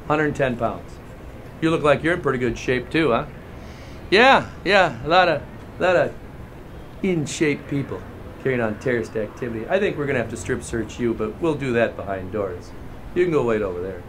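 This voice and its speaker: A comedian playing a sarcastic, leering airport guard. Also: male voice, medium pitch, slight background noise, lightly acted. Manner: sarcastic, interrogating, mock-official. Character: pushy, leering male airport security guard. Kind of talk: comedic character monologue.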